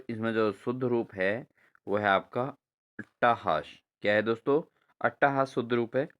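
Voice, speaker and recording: A man teaching a spelling lesson for exams, repeating each answer back to his viewers and spelling words out slowly syllable by syllable. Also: fairly low pitch, fairly bright tone. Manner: repeats answers as questions to viewers, addresses them as friends. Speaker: exam-prep teacher. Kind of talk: spelling lesson for exam prep.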